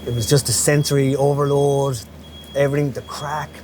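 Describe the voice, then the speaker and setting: This interview features a fifty-something window cleaner from Galway reminiscing in a colloquial, chatty way, peppered with "you know." His voice is mid-range, level and slightly mellow at a moderate pace, set against noisy street ambience and traffic.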